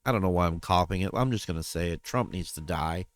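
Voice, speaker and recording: Low-voiced man rambling through a vlog. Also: quick pace, no echo. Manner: rambling, self-correcting, trailing off. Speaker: vlogger. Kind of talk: casual personal vlog update.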